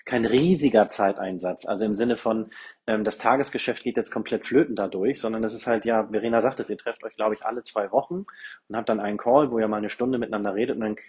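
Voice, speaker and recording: A man's voice: lowish voice, fast talker, a little mellow, husky. A man, speaking as a guest in an interview, rambling along with many fillers and restarts. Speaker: company representative, guest. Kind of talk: conversational interview talk.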